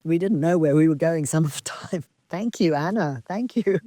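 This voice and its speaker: Meditation teacher lady from zambia, slow thoughtful dharma talk, mellow dry voice. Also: deep voice, dry recording. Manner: slow, halting, reflective with many pauses. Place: outdoor retreat in wilderness.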